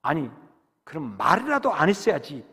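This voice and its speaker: A man preaching a sermon as pastor, dramatic, rising to loud exhortation and dropping to hushed whispers. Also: on the high side, wildly swooping pitch, normal speed, husky. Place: church sanctuary. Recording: long reverb of a church hall.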